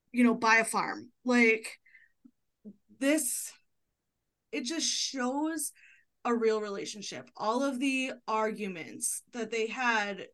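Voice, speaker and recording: A woman's voice: on the high side, fairly bright tone. A woman in her thirties hosting a podcast, chatting casually and laughing often, with lots of fillers. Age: 30s. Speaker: podcast host.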